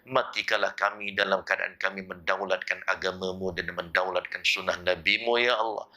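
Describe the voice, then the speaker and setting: A man's voice: low voice, fairly even intonation, normal speed, pushed and bright. A man with a Malaysian Malay accent, a preacher in a mosque, closing his sermon with a fervent pleading prayer full of repeated refrains.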